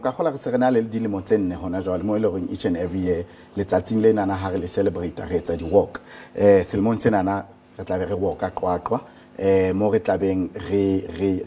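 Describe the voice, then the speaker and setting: Male interviewee, South African Sotho accent, quick but halting stuttered speech, low mellow voice, faint noise. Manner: halting, with repeated words and stutters. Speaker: organisation founder being interviewed. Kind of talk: studio news interview answers.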